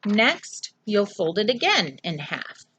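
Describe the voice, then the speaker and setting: A woman teaching a phonics lesson to young children, sounding out letters slowly, clearly and patiently in a home video lesson. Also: medium pitch, big pitch swings, a bit bright, a little hiss or hum.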